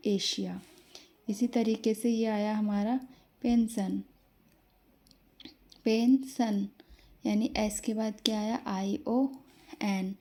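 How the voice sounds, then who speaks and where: A woman teaching English pronunciation in a slow, explanatory lesson, spelling out letters one by one and answering her own questions. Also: fairly high pitch, dark tone. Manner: asks the class questions, then answers them.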